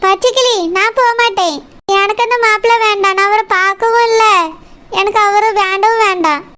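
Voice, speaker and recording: A performer voicing a caring, insistent older sister in a cartoon, talking quickly and coaxingly. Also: very high-pitched, fairly even intonation, pushed and bright. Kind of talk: cartoon voice acting.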